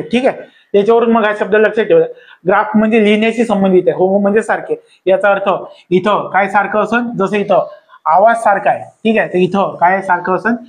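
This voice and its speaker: A man teaching a grammar lesson who keeps asking rhetorical questions and repeating key words. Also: high voice. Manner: repetitive, quizzing with rhetorical questions. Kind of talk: classroom lesson explaining at a board.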